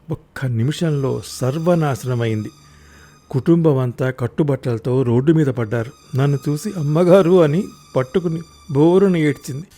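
A man narrating a first-person audio story, raising his voice loudly in the angry husband's lines. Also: a little high.

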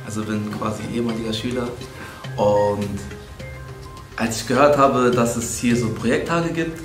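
A man's voice: mid-range voice, steady tone, normal speed. A young man talks in a loose, colloquial way about returning to his old school. The room around him gives his voice a noticeable echo, and faint music runs underneath. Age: young adult. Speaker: former student of the school. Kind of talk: casual interview.

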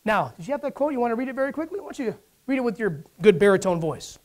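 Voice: mid-range voice, sing-song, racing. A preacher giving a sermon, asking the congregation for responses and acting out Bible figures in dialogue.

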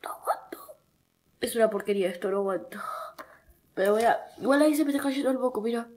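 Bright and fairly high, this young woman's voice moves at a quick pace as she, a TikTok creator with an Argentine Spanish accent, chats into her phone for followers. Her cold leaves her stuffed up; she pokes fun at herself and whines when it hurts in this casual vlog.

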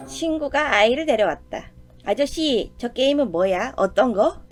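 A woman giving casual let's-play commentary with playful exclamations and chatty self-talk. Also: high-pitched. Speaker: game streamer.

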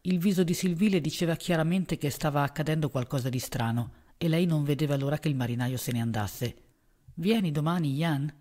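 A man narrating a novel as an audiobook in a measured, even reading voice. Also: on the high side.

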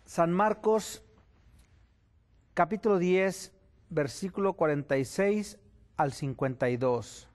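A male evangelist with a high voice delivers a sermon at an unhurried pace, leaning on each phrase. He moves between prayer, scripture reading and pointed, emphatic questions. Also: a little mellow. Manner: slow, deliberate phrasing that climbs into emphatic questions. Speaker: evangelist preacher.

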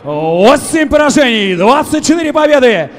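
A young man announcing boxers as a ring announcer, theatrically, with drawn-out, shouted names into a handheld microphone in a big hall. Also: extremely high pitch, sing-song. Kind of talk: boxing ring announcer introductions. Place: large indoor boxing arena. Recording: echoey hall PA with background noise.

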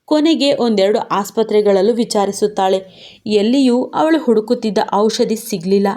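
A woman narrating a serialized romance story in a steady storytelling voice. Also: mid-range voice, moderate pace.

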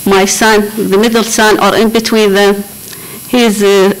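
Slow-spoken woman. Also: medium pitch, little pitch movement, poor audio. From Iraq. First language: Arabic. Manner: slow, careful, repeats words while searching for English. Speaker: refugee panelist. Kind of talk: personal testimony at a panel. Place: large conference hall. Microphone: table microphone.

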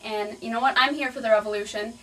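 A woman's voice: mid-range voice, steady tone, rapid-fire, natural voice. A woman doing a fiery, defiant contestant. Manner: forceful, dramatic declarations. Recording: distant mic, faint music.

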